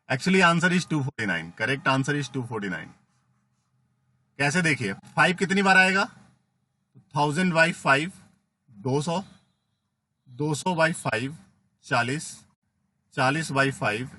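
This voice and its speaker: A man teaching math in a classroom lecture, often asking "है ना?" to check understanding and gently teasing students. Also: fairly high pitch. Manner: coaxing, asks "है ना?" and "ठीक है?" after each step; playful teasing of students, calls them बेटा. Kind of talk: classroom lecture mixing Hindi and English.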